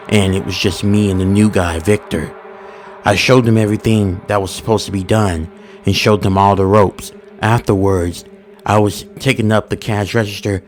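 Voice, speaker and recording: Low-voiced guy telling a creepy story first person, steady and ominous, faint hiss behind. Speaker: horror story narrator. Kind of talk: first-person scripted horror narration.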